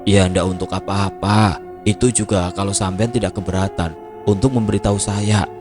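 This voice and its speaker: A man voicing a gentle, modest older becak driver with a Javanese accent, speaking softly. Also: sits low, fairly even intonation, moderate pace, close to an everyday voice. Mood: humble. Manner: soft-spoken, modest. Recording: music playing behind.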